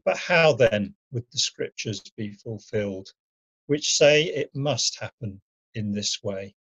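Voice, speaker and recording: A man reading the part of a solemn, resolute Jesus in a dramatic scripture reading, with a husky voice. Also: mid-range voice, animated, slow pace, fairly bright tone, full character voice. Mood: firm rebuke. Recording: muffled lo-fi home recording.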